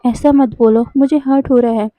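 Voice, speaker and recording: Casting: woman doing a sweet, pleading young man for a storybook reading; mellow, higher voice. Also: fairly even intonation, normal speed, no echo, natural voice. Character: cheerful pleading young man, clingy lover.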